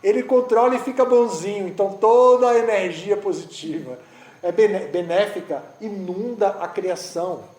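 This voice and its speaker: Speaking at a normal speed in a high, somewhat mellow voice, a spiritual teacher shares a devotional story conversationally, often backing up to restart. The eco-village gathering takes place in a roomy space, and echo is audible throughout.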